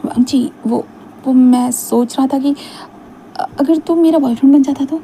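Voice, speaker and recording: A nervous young man stammers and pleads in a high, dark, mellow voice, as a woman reading a story puts him on. his words come half-whispered and hesitant. faint noise sits under the voice. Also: steady tone, brisk, creaky. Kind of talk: casual retold story.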